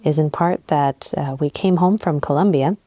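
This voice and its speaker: Into the mic of old wired earbud headphones, a thirty-something Southern California podcast host and relationship coach speaks unscripted and alone from her bed. Low-voiced and moderately paced, she's quiet, thoughtful and slightly sleep deprived, with no echo in the bedroom recording.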